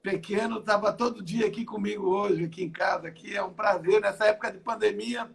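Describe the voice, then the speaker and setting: This is an older pastor and apostle from southern Brazil, recounting his testimony from home in an online interview. His speech repeats and restarts, delivered in a high, gravelly voice with fairly even intonation and a slightly quick pace.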